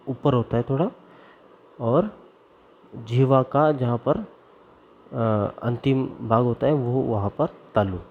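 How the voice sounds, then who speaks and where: A man teaching Sanskrit grammar, reciting the formulas slowly and deliberately and explaining where each sound is made in the mouth. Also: medium pitch, a little hiss or hum. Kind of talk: classroom lesson. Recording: dull lo-fi recording.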